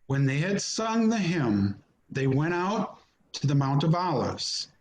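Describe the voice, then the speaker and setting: A man's voice: a little high, sing-song, slow pace, a little hiss or hum, rough recording. A man narrating scripture from a script, recorded at home over a video call.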